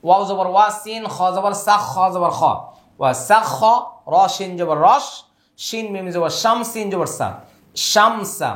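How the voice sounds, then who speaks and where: A man teaching Quran reading, spelling each letter and vowel mark, then slowly chanting the words, with quick spoken asides. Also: sits high, a bit bright, echoey room. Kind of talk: slow syllable-by-syllable recitation lesson.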